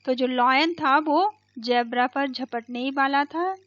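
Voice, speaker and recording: High-voiced woman teaching slowly. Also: fairly bright tone. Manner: reads English lines slowly, then explains in Hindi, often adds "ठीक है". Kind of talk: school lesson explained in Hindi. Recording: dull, lo-fi recording.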